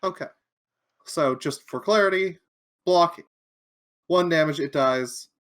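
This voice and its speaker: A woman's voice: low voice, slow. A woman playing a card game on stream, explaining moves step by step with dry sarcasm. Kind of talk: casual game-night chat.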